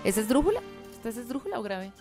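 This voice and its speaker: A woman with a Colombian accent co-hosting a casual radio show, explaining health tips in a lively, quick way. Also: a little high, over music.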